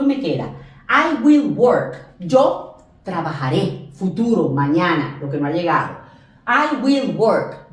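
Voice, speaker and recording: Lively woman teaching in an echoey room. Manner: repeats and drills examples slowly, stressing English words higher. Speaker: English teacher. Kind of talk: classroom lesson explanation. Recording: echoey room, distant mic.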